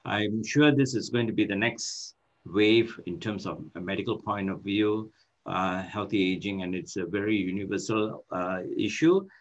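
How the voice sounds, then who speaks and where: Older male academic lecturing over a video call, low voice, halting delivery, dull lo-fi sound. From Malaysia. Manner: halting, many fillers and restarts. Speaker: guest speaker, professor of occupational therapy. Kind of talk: online lecture. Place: office with shelves. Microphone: laptop microphone on a video call. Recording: muffled video call audio.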